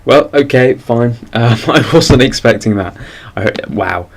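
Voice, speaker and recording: A man's voice: mid-range voice, expressive, unhurried, creaky, husky. Wry man reading a game aloud. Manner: wry, laughs at the dark twists. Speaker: game streamer.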